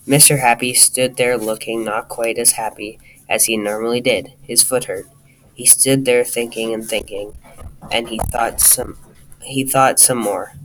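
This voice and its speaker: A man reading a children's storybook aloud, talking straight to the listener in a lively way. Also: mid-range voice, noisy background. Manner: lively, addresses the listener directly.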